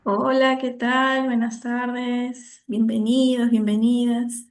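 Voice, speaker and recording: A woman's voice: fairly high pitch, level tone, slow, slight background noise. A woman from Peru moderating an online talk over a video call, friendly and welcoming, with frequent fillers.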